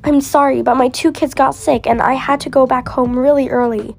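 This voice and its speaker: A woman's voice: high-pitched, fairly even intonation, brisk, vocal fry. A girl voicing a poor, tired mother who keeps apologizing, in a toy-game role-play. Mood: pleading. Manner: pleading, apologetic.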